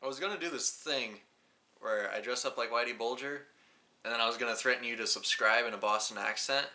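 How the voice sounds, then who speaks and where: A man's voice: mid-range voice, a little fast, bright, forceful tone. A man hosting a casual movie review, talking in a rambling, offhand way with self-mocking jokes. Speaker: film reviewer and show host.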